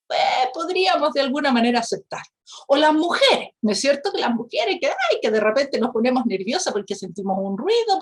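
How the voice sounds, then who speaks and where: A woman teaching a Bible lesson, telling the story with lively rhetorical questions and acting out the characters. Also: sits high. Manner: acts out quoted characters.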